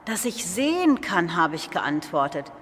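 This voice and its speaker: In an earnest, calm, unhurried storytelling style, a performer delivers a first-person biblical monologue as a humble, grateful blind male beggar. The voice is medium-pitched, with long hall reverb and a little hiss or hum.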